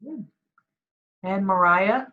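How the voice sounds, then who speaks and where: Woman instructor, brisk roll call, slightly dull video call sound. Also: mid-range voice. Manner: brisk, calling on students one by one. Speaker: course instructor. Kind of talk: online class roll call.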